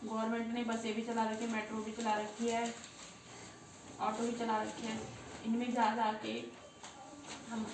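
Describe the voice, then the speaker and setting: Loud scolding woman tutor in an echoey room. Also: a little high, completely flat delivery. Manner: scolding, bossy, quick to raise her voice. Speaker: home tutor. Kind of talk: teaching children at home. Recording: echoey room from far off, noisy.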